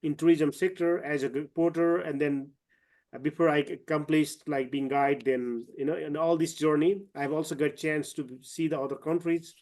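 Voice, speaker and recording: A man from eastern Nepal, a trekking guide and company owner, speaks haltingly with many fillers and restarts over a video call. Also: a little high, fairly even intonation, darkish tone. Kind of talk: online webinar talk.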